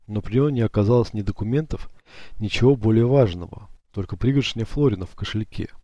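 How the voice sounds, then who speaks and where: A man narrating an audiobook in a steady, measured way. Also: on the low side, dry recording, highs cut off. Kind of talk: scripted narration.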